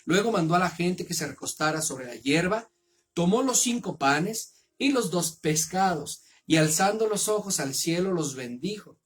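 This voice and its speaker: A man with a Mexican accent reading the Bible aloud and then preaching on it in an earnest, measured way. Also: sits high, animated, slightly rough.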